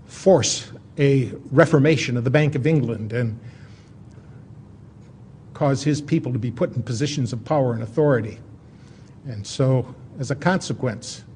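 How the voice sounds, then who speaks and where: Guy doing a folksy history talk, voice a bit on the high side, pauses for drama. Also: darkish tone, husky. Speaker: lecturer. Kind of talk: informal history lecture, storytelling.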